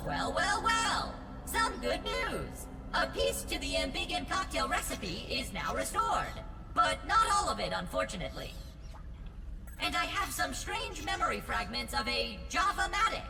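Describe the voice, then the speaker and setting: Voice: sits high, wildly swooping pitch, unhurried, gravelly, loud music behind the voice, exaggerated voice. A performer voicing a chipper, helpful robot lab assistant in a video game, speaking through a robotic computer voice filter and announcing its processing and errors like a machine. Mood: chirpy. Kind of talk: video game character dialogue.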